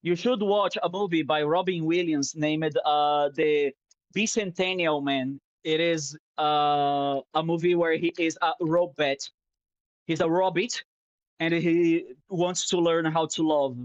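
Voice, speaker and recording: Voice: mid-range voice, steady tone, measured pace, no echo, muffled recording. A streamer chatting casually while drawing, rambling and swearing, openly sentimental, on a headset mic.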